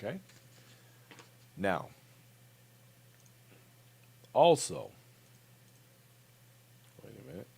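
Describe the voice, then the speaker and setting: A man's voice: fairly low pitch, wildly swooping pitch, drawn-out words, vocal fry, pauses often, dark tone, slightly rough. A man with an American accent hosting a commentary show, talking emphatically and speaking straight to his viewers. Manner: emphatic, direct address to viewers.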